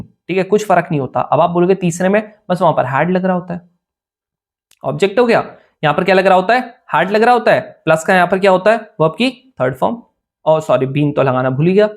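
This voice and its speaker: A young man teaching English grammar for an exam in casual Hindi mixed with English, often checking whether students follow. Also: sits high. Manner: chatty, asks students "clear?" often. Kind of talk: informal Hindi-English lesson.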